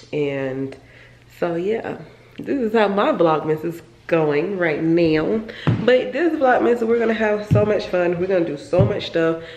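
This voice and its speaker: A woman's voice: low-pitched, muffled recording. Woman in her twenties, casual rambling vlog chat, home kitchen, roomy echo, faint background noise. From Florida. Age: 20s. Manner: rambling, chatty, repeats herself. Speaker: vlogger. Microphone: handheld camera, then camera set on counter.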